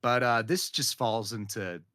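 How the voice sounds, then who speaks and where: A man's voice: mid-range voice, measured pace, bright, forceful tone, no room sound, studio quality. A man co-hosting a movie podcast, talking in a laid-back casual way. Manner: laid-back, says "man" and "dude" often. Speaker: podcast co-host. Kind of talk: casual chat.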